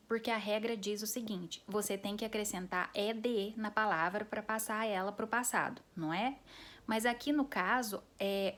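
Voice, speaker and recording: A woman teaching an English grammar lesson in a patient classroom manner, walking through each rule step by step. She slows down to spell out letters and often checks in with her students. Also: mid-range voice.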